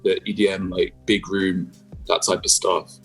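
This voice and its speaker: In a casual video-call interview, a young British guest musician talks in a laid-back way, full of fillers. His voice is low, a bit bright and slightly rough, delivered flatly at a moderate pace, with faint music behind.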